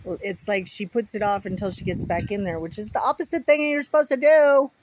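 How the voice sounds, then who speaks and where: A woman's voice: medium pitch, brisk. Folksy woman, windy outdoor recording. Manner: folksy, rambling. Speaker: vlogger. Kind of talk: casual outdoor chat to viewers. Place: outdoors at home, with pets around. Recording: wind and noise on the mic.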